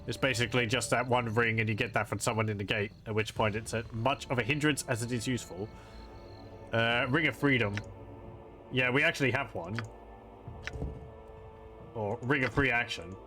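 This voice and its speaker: A man's voice: medium pitch, moderate pace, pauses often, pushed and bright, faint music behind. A man casually commenting on a game he is playing, offhand and musing. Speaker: let's-play commentator.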